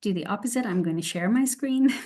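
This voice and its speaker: Speaking as a guest over a video call, a middle-aged Canadian English woman who trains Montessori teachers presents shared slides online. Her mid-range voice is animated yet mellow, but her delivery is halting and nervous, full of ums and restarts.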